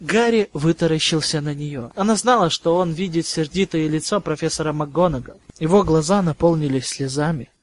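High-voiced man narrating an audiobook. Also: a little fast, hardly any pauses.

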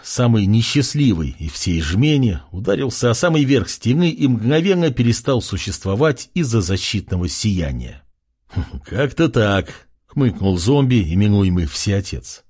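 A man narrating a fantasy story in an expressive, measured reading. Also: mid-range voice, slightly rough. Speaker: audiobook narrator.

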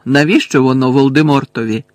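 A man's voice: mid-range voice, fairly even intonation, a little fast, dry recording, natural voice. Harry Potter, a defiant teenage wizard, voiced by a man. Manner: defiant, stalling for time. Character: defiant teenage boy wizard, stubborn and quick.

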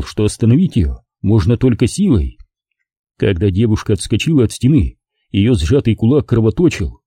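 A male audiobook narrator tells a tense scene in a measured, expressive way. His voice is low, very dark and husky, with lively pitch movement. The recording is bone-dry and close to the microphone. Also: dry recording. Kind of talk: scripted narration.

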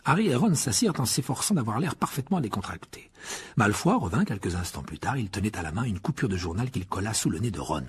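A male audiobook narrator reading a children's fantasy novel. His voice is low and raspy, and his delivery is measured and steady throughout. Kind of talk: scripted storybook narration.

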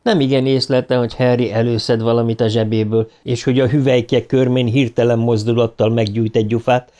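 A man narrating an audiobook in a dramatic, expressive reading style, voice rising as the tension builds. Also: mid-range voice.

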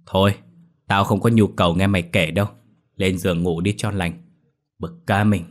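A man voicing a gruff young husband who scolds and teases his younger brother. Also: sits low, fairly even intonation, normal speed. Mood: scolding. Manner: scolding, teasing. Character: gruff mocking older brother.

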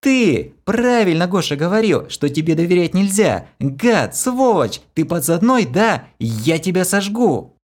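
A man voicing a young female paladin, fierce and suspicious, shouting accusations in a high strained voice. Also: big pitch swings, measured pace, heavily acted. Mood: furious accusing. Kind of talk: audiobook character voice.

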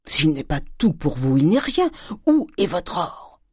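A reader voicing a domineering, miserly old father who lurches from loud fury to hissed whispers. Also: mid-range voice, very animated, a little slow, husky, no room sound, clean studio sound. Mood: scolding. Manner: thundering, swinging from shouts to hissed whispers. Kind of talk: audiobook character reading.

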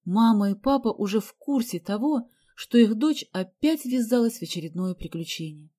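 Give me a woman narrating an audiobook calmly, with a mellow tone. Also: on the high side, normal speed. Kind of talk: scripted narration.

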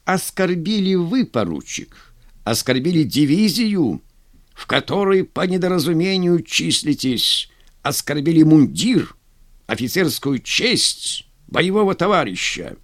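A man voicing a stern, contemptuous army general who speaks gruffly, in a commanding way. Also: a little high, very animated, measured pace, no room sound, studio quality, pitched above the performer's own voice. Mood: stern scorn.

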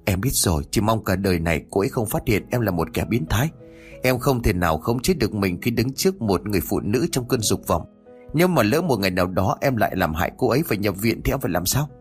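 A frightened young husband, voiced by the male narrator, begs with urgent, hurried words. The voice sits low but moves lively, with soft music faintly under the reading. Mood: pleading. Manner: pleading, urgent. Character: anxious young husband, pleading, ashamed.

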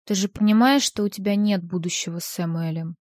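A woman's voice: medium pitch, fairly quick, a little mellow, no room sound, clean studio sound, lightly acted. A woman voicing a jealous, vengeful young man in an audiobook, speaking in a cold, mocking way. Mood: menacing.

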